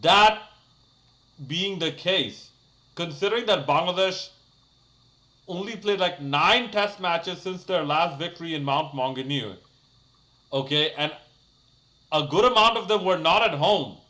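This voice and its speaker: This cricket YouTuber, a young man with a bright, slightly high voice, gives a casual solo match review without a script. He's animated yet unhurried, pausing often, and he chats and rambles, restarting his sentences and leaning on fillers like "uh" and "like."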